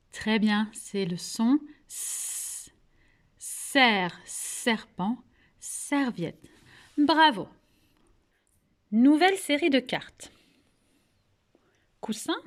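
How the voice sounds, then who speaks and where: A kindergarten teacher with a French accent gives a remote phonics lesson to little children, speaking in a measured, unhurried rhythm and carefully articulating each syllable. She asks patient questions and praises the answers, and her voice is on the high side.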